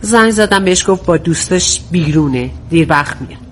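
A woman acting as a practical middle-aged wife and mother in a domestic drama, scolding her husband in quick, pointed remarks. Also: fairly low pitch, expressive, slight background noise, close to an everyday voice. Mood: nagging.

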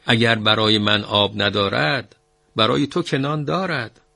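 A man voicing a stubborn, commanding landowner master who insists on his orders in a gravelly voice. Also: fairly low pitch, steady tone, pushed and bright, no echo, full character voice. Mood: soothing.

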